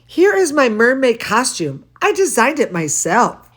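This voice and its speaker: A woman reading aloud as an excitable, boastful little storybook girl who dramatically explains her fancy words. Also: on the high side, a little slow. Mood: excited, proud.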